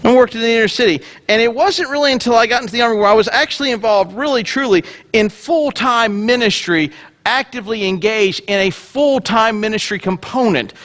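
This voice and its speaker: A man's voice: extremely high pitch, fairly quick, a bit bright. A middle-aged man preaching a sermon, telling a self-mocking story. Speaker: pastor.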